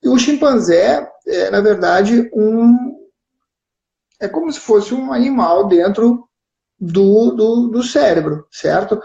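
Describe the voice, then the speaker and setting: A man with a southern Brazilian gaúcho accent explains his point patiently, checking in with his listener as he goes. His voice is warm and mellow. It comes through a roomy, somewhat dull live-stream feed. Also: sits high, animated, takes it slowly, vocal fry. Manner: explains patiently with frequent "né?" and "certo?" check-ins. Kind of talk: explanatory casual chat.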